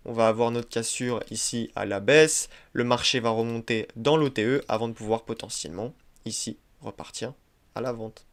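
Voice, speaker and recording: A man's voice: medium pitch, fairly even intonation, moderate pace. A man teaching trading over a screen-share tutorial, who talks emphatically, repeats key points and keeps asking "ok?". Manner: repetitive, emphatic, many verbal tics like "ok?" and "hop". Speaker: trading instructor.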